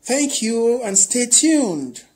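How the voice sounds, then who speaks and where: A woman's voice: a little high, sing-song, extremely slow, darkish tone, rough recording. A woman presenting news from Nigeria, reading a report and then giving indignant commentary with rising rhetorical questions.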